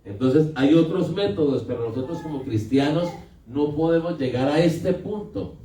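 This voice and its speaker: A man's voice: a little high, normal speed, dark tone. A male pastor preaching a sermon in a conversational way, asking his congregation questions. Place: church hall. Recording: echoey hall, picked up from a distance.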